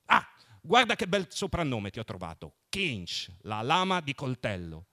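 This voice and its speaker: A man voicing a plump, jovial young man who mocks and mock-preaches in a loud, theatrical way. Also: medium pitch, huge pitch swings, a little slow, heavily acted. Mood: boisterous mocking.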